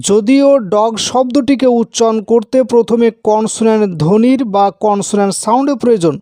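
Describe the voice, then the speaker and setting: A teacher speaks slowly and carefully, walking through a grammar rule and repeating each point. The voice is mellow and soft-edged, at a middle pitch. The sound is dry and close, with no room around it. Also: dry recording. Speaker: English teacher. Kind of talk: explanatory grammar lesson.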